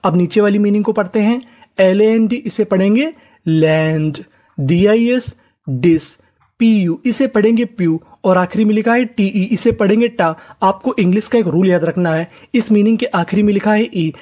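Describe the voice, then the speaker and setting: Patient man teaching English spelling, mellow voice. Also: sits high, normal speed. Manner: patient, repeats each syllable and asks the class to answer. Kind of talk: step-by-step spelling lesson.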